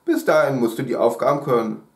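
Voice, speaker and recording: A man's voice: medium pitch, fast talker, darkish tone, close to an everyday voice. A man voicing a strict woman schoolteacher in a read-aloud story, firm and questioning. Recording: roomy echo.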